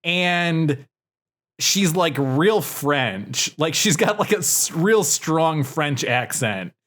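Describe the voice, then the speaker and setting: A man's voice: fairly high pitch, expressive, drawn-out words, fairly bright tone. A man co-hosting a podcast, telling stories in casual chat, rambling and profane with lots of fillers. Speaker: podcast co-host.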